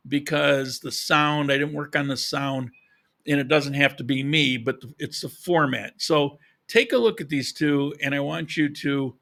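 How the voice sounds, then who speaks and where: A man hosts a casual live podcast stream, speaking straight to his viewers in an informal, conversational way. His voice is fairly high, very bright and forward, with a gravelly texture.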